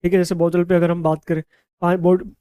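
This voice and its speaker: Man, Indian accent, English teacher, smooth clear voice, dry close sound, spells words slowly. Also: sits high, level tone, dark tone, no echo. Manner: repeats "ठीक है?" after nearly every point; spells words letter by letter, slows for example sentences. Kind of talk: bilingual classroom lesson.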